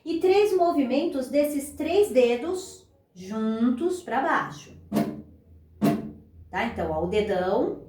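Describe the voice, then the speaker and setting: Female guitar teacher, high voice, patient step-by-step delivery, roomy distant recording. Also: expressive, takes it slowly, pauses often, dark tone. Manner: patient, explains step by step, counts beats aloud. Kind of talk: beginner guitar lesson. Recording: echoey room, voice a bit far from mic, guitar playing.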